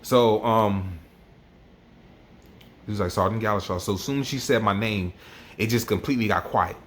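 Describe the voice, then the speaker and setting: A man's voice: on the low side, moderate pace, slight background noise. A man tells his own story straight to the camera. He talks in an emotional, worked-up way and keeps circling back over his own words. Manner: emotional, worked up, repeats himself. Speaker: army NCO vlogger. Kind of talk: personal storytelling.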